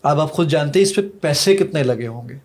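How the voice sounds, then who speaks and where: A man's voice: a little high, expressive, darkish tone. A man explaining his own app in a casual podcast chat, walking through it step by step with eager enthusiasm. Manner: eager, step-by-step explaining, counts seconds aloud. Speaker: app creator demonstrating his app. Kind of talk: casual podcast conversation, demonstrating software.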